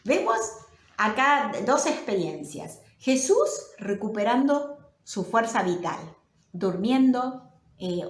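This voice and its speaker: Rioplatense woman pastor, lively swooping delivery, roomy echo on the recording. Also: a little high. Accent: Rioplatense Spanish. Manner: warm, animated storytelling with sudden excited bursts. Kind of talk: sermon.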